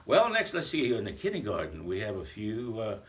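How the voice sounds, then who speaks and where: A man playing Santa Claus, chatty and lively. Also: lowish voice, fairly quick. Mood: cheerful. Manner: chatty, playful, rambling. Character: jolly old Santa Claus greeting children. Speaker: Santa greeting schoolchildren. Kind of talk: recorded video greeting to a school.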